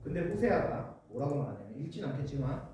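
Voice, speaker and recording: A man's voice: medium pitch, very animated, fast talker, warm tone. A young man preaching a casual sermon to teenagers at a church retreat, chatting with the audience and acting out quotes. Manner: conversational, asks the audience questions, acts out quotes. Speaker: youth preacher. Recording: echoey hall, voice from far off, faint noise.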